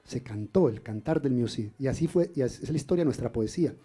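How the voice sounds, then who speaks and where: A man, a singer and poet explaining rhythm in poetry in a relaxed café talk. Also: medium pitch, fast talker, slightly rough. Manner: explanatory, chants rhythm syllables. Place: café event in Cali.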